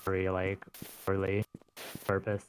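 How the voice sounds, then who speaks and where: Low-voiced man chatting casually. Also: monotone, measured pace, noisy background. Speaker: friend on a voice call. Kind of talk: casual chat.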